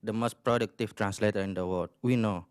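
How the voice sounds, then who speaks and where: A man's voice: fairly low pitch, steady tone, brisk, clear, resonant tone, no room sound, clean studio sound. A man in his twenties from Indonesia, a native Indonesian speaker, chatting loosely at an open mic in a library meeting room. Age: 20s. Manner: chatty with restarts and laughs. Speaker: visiting writer. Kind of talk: casual open-mic remarks.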